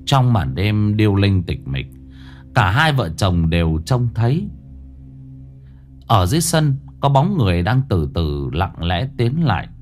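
A man narrating a ghost story in a slow, dramatic way, dropping to a hush at eerie moments. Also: on the low side, sing-song. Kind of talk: scripted horror story narration. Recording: narration over faint music.

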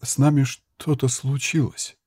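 A man doing gentle stammering monk Tomas. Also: medium pitch, little pitch movement, a little slow, breathy edge, no room sound, studio quality, voice pushed up. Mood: calm. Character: calm young monk Tomas, soft-spoken.

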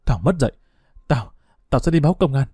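A man voicing an angry, grieving village man who accuses and threatens in harsh, quick speech. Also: mid-range voice, expressive, mellow, breathy edge, no echo, studio quality. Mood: angry, accusing.

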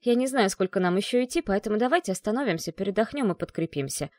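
A woman's voice: mid-range voice, animated, fast, a little mellow, no echo, clean studio sound, lightly acted. A woman voicing an anxious, caring mother who fusses over her son and speaks firmly. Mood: worried.

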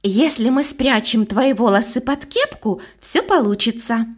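A woman's voice: a little high, animated, unhurried. A woman reading the part of a caring adult actress who coaxes and fusses over a girl. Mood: coaxing. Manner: caring, coaxing. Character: kind, fussing adult actress, motherly.

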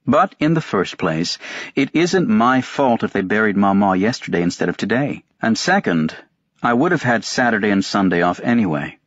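Low-voiced guy reading a novel to fall asleep to, steady and even, dry and kinda muffled. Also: dry recording. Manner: even, unhurried first-person reading. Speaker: narrator. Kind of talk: audiobook narration for sleep. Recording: dry, dull-sounding recording.

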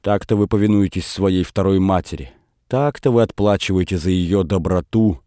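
A man's voice: low voice, normal speed, warm tone, dry recording, clean studio sound, lightly acted. A man reading aloud, voicing a stiff male tutor who speaks in a tragic, reproachful tone.

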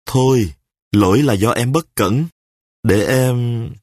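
A man voicing a fretful young wife who starts out defensive and turns sharp-tongued in a spoken story, with a husky voice. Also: medium pitch, no echo, studio quality. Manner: pleading, then snapping back in quick retorts.

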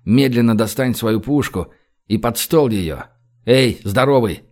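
A man voicing a tough, menacing captive who barks clipped orders in a low voice. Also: unhurried, darkish tone, lightly acted.

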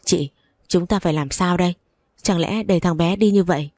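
A woman's voice: on the low side, moderate pace, a little mellow, dry recording, lightly acted. A woman voicing a worried young girl who anxiously questions her older sister.

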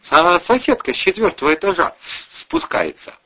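A man voicing an excited, chatty young man who stammers as he retells a story, on a dull lo-fi recording. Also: high voice, moderate pace, pitched above the performer's own voice, exaggerated voice.

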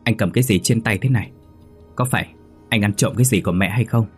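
A man's voice: fairly low pitch, quick pace, breathy edge, soft background music. A man voicing a stubborn, defiant young woman in an audio horror story. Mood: accusing.

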